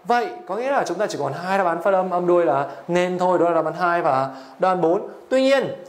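A man with a notably high voice leads an exam-prep language lesson. He works through each answer step by step, constantly checking in with his students through rhetorical questions. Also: lively intonation, fairly quick. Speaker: Japanese language teacher.

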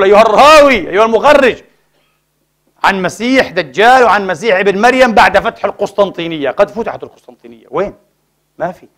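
Preacher guy, talks fast and high, fiery sermon, keeps repeating words for punch. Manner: impassioned, rhetorical questions, emphatic repetition. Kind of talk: Friday sermon.

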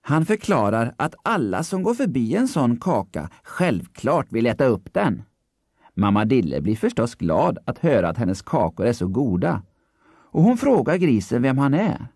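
A man narrating a children's story, expressive and storytelling. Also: medium pitch, husky, no echo, clean studio sound.

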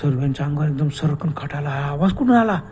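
A male storyteller narrating a horror tale with dramatic flair. His voice is dark and mellow. He punctuates the telling with sudden exclamations. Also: fairly high pitch, lively intonation, quick pace.

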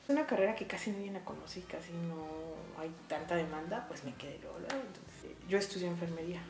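Mexico city lady chatting in an interview, lowish voice, roomy echo, lots of fillers. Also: fast, vocal fry. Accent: Mexico City Spanish. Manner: lively storytelling with frequent fillers. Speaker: funeral director and embalmer. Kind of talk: casual interview. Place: small art-filled room indoors.

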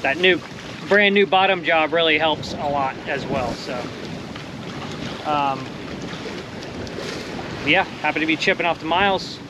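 A solo sailor vlogger in his forties chats easily to an action camera held close on the deck of his small sailboat at sea. His voice is a bit high, loose and cheerful, relaxed and upbeat, full of little fillers and soft laughs. Steady wind and water rushing past the hull wash over the windy outdoor recording.

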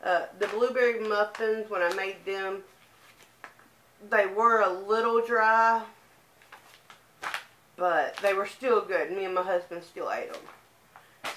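A woman's voice: medium pitch, a bit bright, a little hiss or hum. A young woman with a lisp and a speech impediment, chatting casually as she shows off items from a shopping haul. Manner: chatty, easygoing, unhurried show-and-tell. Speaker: vlogger. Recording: echoey room.

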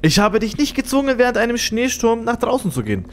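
Guy reading scared game hero lines, high and tense, kinda defiant. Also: very animated, fast talker, a little hiss or hum.

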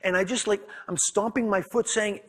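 In a conference room, a man from New England with a Boston accent delivers a presentation as a candid story, frequently repeating and restarting words. His high, husky voice has a fairly bright tone, fairly even intonation, and a normal speed.

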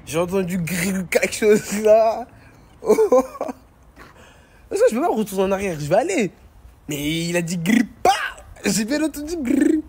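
A man's voice: high voice, very animated, a little slow, a little mellow, breathy edge. A young man with a French banlieue accent talking casual street slang into a handheld phone, repeating himself insistently. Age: young adult. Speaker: social media vlogger. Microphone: phone at arm's length. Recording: echoey handheld phone recording.

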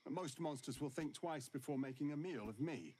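An actor playing a wry, world-weary wandering monster hunter in a video game, with dry, sardonic delivery. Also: male voice, on the high side, normal speed, darkish tone, lightly acted. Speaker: game character.

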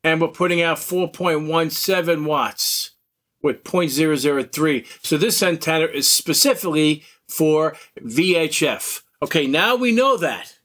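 A man's voice: on the high side, unhurried, a bit bright. A man hosting a radio hobby video, talking bluntly and emphatically while demonstrating gear. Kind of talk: casual demo talk.

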